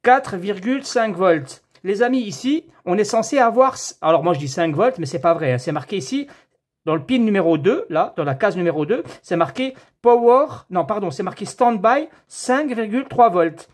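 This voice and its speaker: Here a TV repair man with a high voice and lively intonation speaks at a normal speed. His tutorial is relaxed and hands-on, friendly toward viewers, with his thoughts voiced as he measures.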